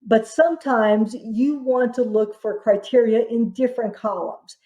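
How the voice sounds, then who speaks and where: A woman instructor narrating a software tutorial step by step, dictating what gets typed piece by piece. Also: on the high side, unhurried, highs cut off.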